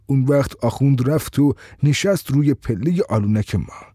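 A man reading a first-person story in a steady, conversational storytelling way. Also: medium pitch, husky, dry recording, studio quality.

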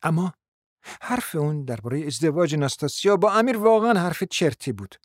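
Man voicing a scheming middle-aged mother, high-pitched, pleading, insistent, long-winded, radio drama, dry close sound. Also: animated, no echo.

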